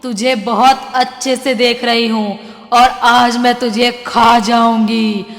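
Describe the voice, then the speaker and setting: A woman voicing a cruel, cackling female witch who shouts her threats in a horror story. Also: fairly high pitch, fairly even intonation, slow, gravelly, big-room sound. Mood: menacing.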